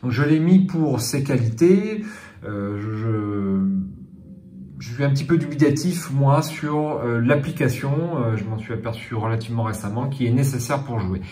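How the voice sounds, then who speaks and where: A man's voice: mid-range voice, animated, moderate pace, mellow, echoey room. A man hosting a board game channel, talking casually to his viewers with many fillers and restarts.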